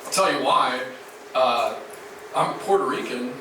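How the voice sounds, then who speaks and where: A man's voice: medium pitch, lively intonation, measured pace. Man, stand-up comic, self-deprecating, noisy echoey club, far mic. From Jacksonville, Florida. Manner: self-deprecating, conversational punchlines. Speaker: stand-up comedian. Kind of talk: stand-up comedy set. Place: small comedy club, indoors.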